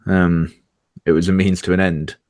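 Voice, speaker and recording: Very low-voiced man in his forties. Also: little pitch movement, darkish tone, no room sound, studio quality. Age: 40s. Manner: rambling storyteller, halting restarts, laughs often. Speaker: podcast co-host. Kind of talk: casual chat.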